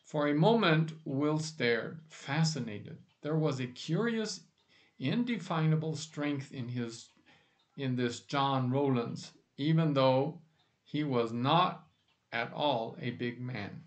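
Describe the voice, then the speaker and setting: A man reading a novel aloud in a slow, measured way. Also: mid-range voice, expressive. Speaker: narrator.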